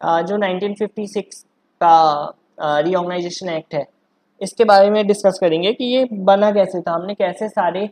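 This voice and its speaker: A woman teaching exam preparation in a casual way, often checking in with "okay?" and pausing on fillers. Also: medium pitch, a little mellow. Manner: explains in a chatty way, often asks "ठीक है" and "है ना"; hesitant, with many fillers and restarts. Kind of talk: casual Hindi-English lesson.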